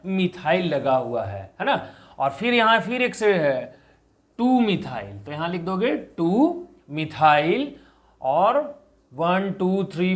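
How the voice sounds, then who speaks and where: Male chemistry tutor, drills students with repeated questions. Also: high-pitched. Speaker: chemistry teacher. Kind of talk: explaining on a whiteboard.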